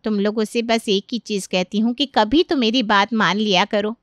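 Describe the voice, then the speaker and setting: A woman's voice: medium pitch, normal speed, a bit bright, no echo, studio quality, lightly acted. A woman voicing an exasperated middle-aged mother-in-law in a cartoon, complaining and scolding her family. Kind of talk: cartoon voice acting.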